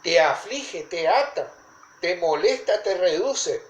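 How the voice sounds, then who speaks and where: Slow guy preaching, hammers words over and over, roomy echo, faint hiss. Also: sits high, lively intonation. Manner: deliberate, emphatic repetition. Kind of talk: teaching sermon.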